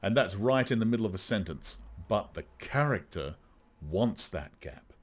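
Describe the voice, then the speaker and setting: Very deep-voiced chatty Australian man. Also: lively intonation, normal speed. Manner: chatty, self-deprecating, laughs at himself. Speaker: audiobook narrator and producer. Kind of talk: casual live-stream chat.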